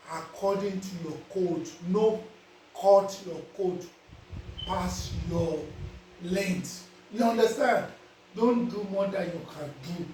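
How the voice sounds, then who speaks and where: High-pitched yet darkish in tone, a man with a Nigerian accent dispenses casual life advice to his viewers, preachily repeating "you understand?" He was recorded from a distance, so it sounds very echoey, with a bit of hiss or hum.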